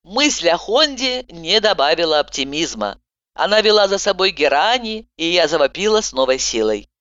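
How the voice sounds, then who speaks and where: Female audiobook reader, lively first-person telling, dull dry recording. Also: lowish voice, normal speed, no room sound. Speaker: audiobook narrator.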